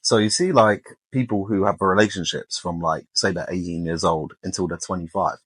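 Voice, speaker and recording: A man's voice: sits low, normal speed, breathy edge, dry recording. A man, talking casually and colloquially as a podcast co-host, giving his opinions.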